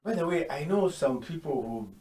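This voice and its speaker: A man's voice: a little high, moderate pace. A man from Kenya hosting a panel discussion, affirming his guests with lots of agreement. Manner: lively, affirming with many yeses. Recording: voice from far off the mic.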